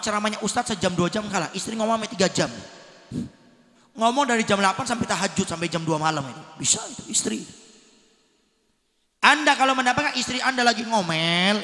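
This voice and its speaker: Emphatic preacher in an echoey hall. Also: male voice, high voice. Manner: swings from soft to loud emphatic bursts. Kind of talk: village sermon to married men. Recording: echoey hall with long reverb.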